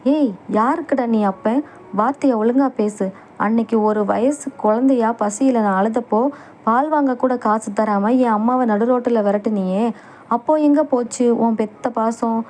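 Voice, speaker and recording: Storybook son: young man, devoted, emotional, read by a woman; higher pitch, dark tone. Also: measured pace, close to an everyday voice. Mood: furious. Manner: emotional, pleading then raging.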